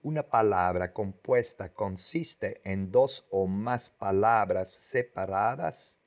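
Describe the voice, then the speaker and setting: A man's voice: lowish voice, slow. A man teaching a language lesson from a script, repeating each word several times. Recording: dull lo-fi recording.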